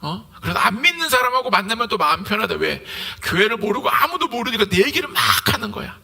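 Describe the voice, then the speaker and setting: A male pastor preaches with a high, very bright voice that swings widely in pitch. A gravelly edge creeps into his lower notes. He acts out little everyday conversations as he preaches. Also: fast. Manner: lively preaching, acting out conversations. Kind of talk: sermon.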